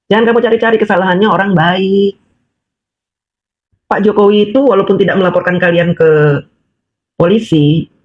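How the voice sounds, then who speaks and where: A woman rants straight at her opponents, scolding and mocking them and hammering on with repeated rhetorical questions. She speaks as an ordinary housewife with something to say. The recording is dull and lo-fi. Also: fairly low pitch. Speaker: housewife voicing political opinion. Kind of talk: angry monologue addressed to critics.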